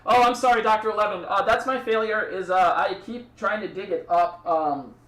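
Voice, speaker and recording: A man's voice: high voice, moderate pace, a bit bright, echoey room, far from the mic. A man streaming a card game, talking through his plays in a rambling, chatty way and thanking subscribers. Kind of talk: casual live-stream commentary.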